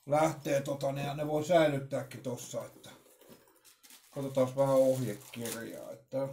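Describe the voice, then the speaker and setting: A middle-aged vlogger speaks in a mid-range, warm, level voice, giving a casual, unscripted unboxing talk that rambles hesitantly and repeats words often. He's indoors in a small room at home, and the roomy, echoey recording carries a little hiss or hum.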